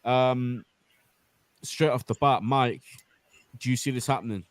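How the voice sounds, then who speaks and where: A man's voice: medium pitch, a little slow, no room sound. A man, hosting an enthusiastic casual football podcast chat. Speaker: podcast host.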